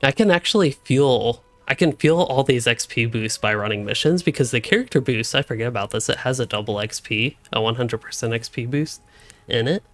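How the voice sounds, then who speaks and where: A young male gaming streamer, hiccuping, rambles through casual live-stream commentary as he plays, thinking aloud into a desk mic in a room at home. His medium-pitched voice is fairly bright and a little fast, with hardly any pauses. The recording has no echo, and faint music plays in the background.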